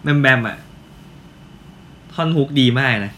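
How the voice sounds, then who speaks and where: A man with a bright, forceful voice talking casually about songs as a co-host. His manner is relaxed and frank, with some slang. A faint hiss of noise sits under the voice. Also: mid-range voice, takes it slowly. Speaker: podcast co-host. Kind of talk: casual music review chat.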